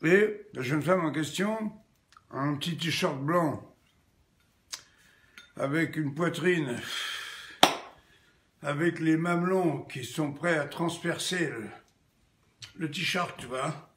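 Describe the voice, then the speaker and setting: A man's voice: a little high, takes it slowly, pauses often, a bit bright. A man telling jokes casually and addressing the listener directly. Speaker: joke teller.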